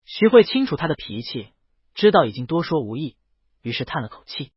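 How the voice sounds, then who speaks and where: In brisk, lively tones, a man with a fairly high, husky voice reads a scripted romance novel aloud as an audiobook, letting his pitch rise and fall. Character dialogue is woven into his narration. The sound is close, dry and a bit dull, with no room sound.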